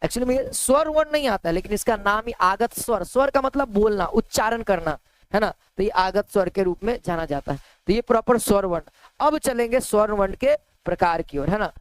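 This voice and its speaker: Male teacher, resonant and dry, dictates notes slowly, repeats phrases as he writes, checks in with tag questions. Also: high-pitched, animated, clean tone, no room sound, rough recording. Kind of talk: online grammar lesson, dictating notes.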